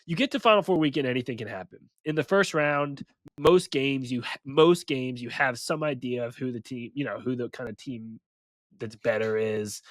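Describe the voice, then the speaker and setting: A man's voice: mid-range voice, no echo. Nasal, sick man chatting sports. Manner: self-mocking, laughing between points. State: sick with a head cold, nasal. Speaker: podcast co-host. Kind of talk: casual sports chat.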